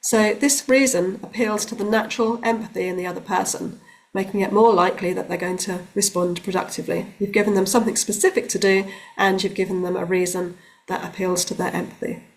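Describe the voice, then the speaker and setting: A woman working as a relationships coach, giving calm, explanatory advice straight to the camera with the odd um. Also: mid-range voice, a little fast. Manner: calm, explanatory, with occasional ums. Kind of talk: direct-to-camera advice talk.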